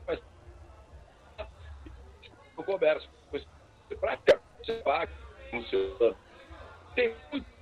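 A man calling in to a live radio show over a phone line that keeps breaking up, so his words come out halting and repeated. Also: fairly high pitch, wildly swooping pitch, faint music behind. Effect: phone line breaking up and cutting out. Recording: muffled, cutting-out phone call.

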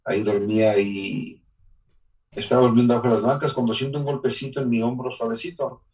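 A man's voice: mid-range voice, steady tone, brisk, a little mellow, distant mic, rough recording. A man from Mexico with a Mexican accent, telling his life story in an interview in an earnest, emotional way, sometimes restarting his sentences. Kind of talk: personal life testimony.

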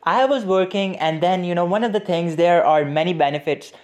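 A man's voice: high-pitched, brisk. A young man from Pakistan hosting a casual motivational podcast, chatting in a rambling way with many fillers and restarts. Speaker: podcast host.

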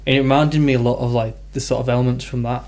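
A man's voice: mid-range voice, little pitch movement, rapid-fire, darkish tone. A man in a casual chat, speaking hesitantly with many fillers.

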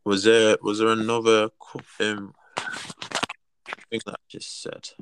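A man's voice: lowish voice, monotone, measured pace, slight background noise. A young man with a London roadman accent and street slang, casually talking things over in a group.

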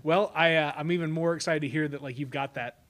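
A man's voice: on the high side, fairly even intonation, fast, a bit bright. An American man hosting a casual interview, effusive and jokey, with a rambling way of talking. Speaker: podcast host.

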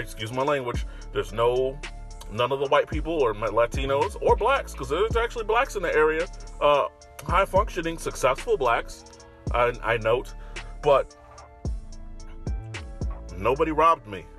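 A man's voice: medium pitch, lively intonation, measured pace, long pauses, fairly bright tone, soft background music. A man with an American accent and a slight lisp, ranting casually in a blunt, profane, conversational way. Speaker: online commentator. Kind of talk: casual opinionated rant.

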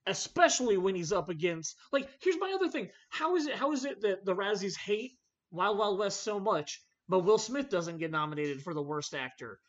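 A man's voice: sits high, expressive, normal speed. A man hosting a casual movie podcast, ranting animatedly about films he loves and hates. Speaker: podcast host. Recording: slightly dull lo-fi audio.

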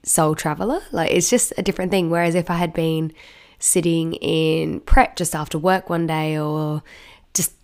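Female solo podcaster, casual and chatty, lowish register, croaky and hoarse with sickness. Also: fairly even intonation, moderate pace, darkish tone. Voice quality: croaky, hoarse frog voice from a bad cold and cough. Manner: chatty, informal, many "like" asides. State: sick with a croupy cough. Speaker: podcast host.

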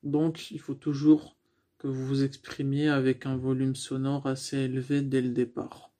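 Man, speaking coach, flat delivery, mellow tone, explanatory, frequent restarts. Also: medium pitch, normal speed. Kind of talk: instructional talk on voice.

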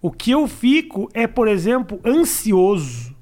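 A man's voice: high voice, very animated, unhurried, darkish tone. A man hosting a casual podcast chat, slangy and emphatic. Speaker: podcast host and comedian.

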